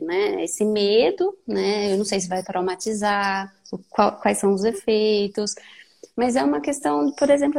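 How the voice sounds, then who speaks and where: A woman in her thirties speaking gently and thoughtfully in a reflective conversation, with many soft fillers. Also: mid-range voice, gravelly.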